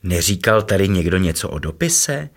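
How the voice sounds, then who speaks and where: A man's voice: sits low, sing-song. A man voicing a strong, teasing male creature in a children's story, speaking mockingly.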